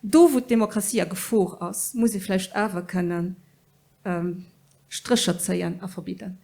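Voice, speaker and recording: A middle-aged woman debating on a political panel. She talks in a steady mid-range voice, earnest and a little halting, with plenty of fillers as she searches for words. Her tone stays serious and engaged. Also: mid-range voice, creaky. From Luxembourg.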